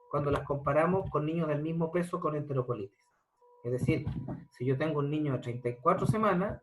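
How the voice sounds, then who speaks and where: A man's voice: on the high side, slight background noise, low-quality recording. A man, a pediatric surgeon, giving a medical lecture and asking his audience rhetorical questions. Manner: explanatory, asks rhetorical questions.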